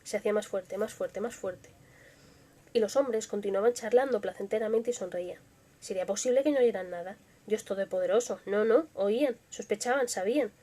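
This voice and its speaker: A young woman with a Spanish accent from Spain, hosting a live stream and reading stories in a soft, expressive voice that sometimes drops to a whisper. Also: mid-range voice, brisk. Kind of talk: dramatic story reading with casual chat.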